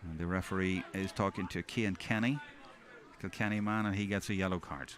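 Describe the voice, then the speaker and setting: A man giving live hurling commentary, describing play in measured running observations. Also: deep voice, steady tone. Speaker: sports commentator. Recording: outdoor stand, loud crowd noise behind. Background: crowd noise at outdoor match.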